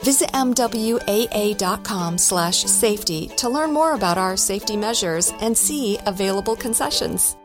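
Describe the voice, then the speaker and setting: A woman's voice: medium pitch, expressive, moderate pace, few pauses. Female commercial narrator, mid register, scripted read, prominent music bed. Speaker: advertisement announcer.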